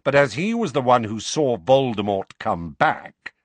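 A man reading an audiobook and voicing a guarded, wry grown man who talks low and stays calm. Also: a little slow, no echo. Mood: cool. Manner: low, muttering, cool and calm. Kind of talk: audiobook character voice.

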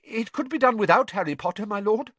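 A man voicing a timid, servile wizard henchman in an audiobook, squeaky, anxious and pleading, words tumbling out in a rush. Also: sing-song, moderate pace, no room sound, exaggerated voice.

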